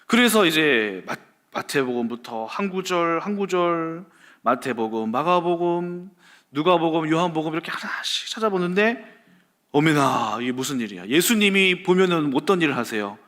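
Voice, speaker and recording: A pastor giving a church history lecture at a service, with animated storytelling. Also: male voice, on the high side, normal speed.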